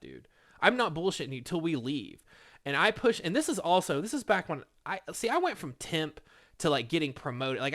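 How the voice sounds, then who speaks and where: A man's voice: on the high side, a bit bright. A young man casually telling a work story, rambling and swearing, with "dude" and "like" in every line. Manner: rambling, profane, full of "dude" and "like". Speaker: vlogger.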